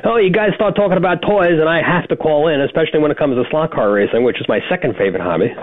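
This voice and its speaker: A man's voice: on the high side, expressive, fast talker. New man calling in on a tinny phone line. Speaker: caller. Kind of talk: casual call-in chat.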